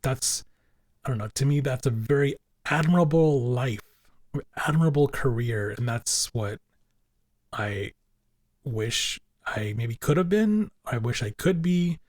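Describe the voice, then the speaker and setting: A man co-hosting a casual podcast chat, recorded dry and close. He rambles, circling his point with "you know" and restarts. His pitch sits in an ordinary middle range. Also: animated, a little slow, a little mellow, no room sound. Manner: rambling, fills with "you know", repeats himself. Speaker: podcast co-host.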